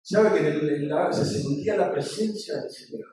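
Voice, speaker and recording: A man's voice: fairly high pitch, moderate pace, warm tone. A middle-aged male pastor preaching a sermon in a conversational way, weaving in personal stories. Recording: very echoey room, mic far off.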